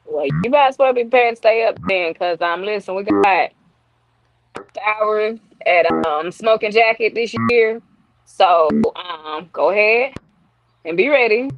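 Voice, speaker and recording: A woman's voice: medium pitch, lively intonation, unhurried, a little hiss or hum. A woman, chatting as an interview guest, teasing and laughing often. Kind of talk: casual interview chat.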